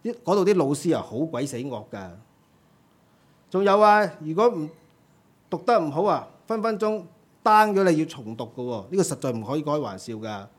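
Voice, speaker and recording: A man's voice: fairly high pitch, lively intonation, normal speed. A man voicing an overworked ant student who pleads with God and complains about endless classes and homework. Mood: whiny pleading.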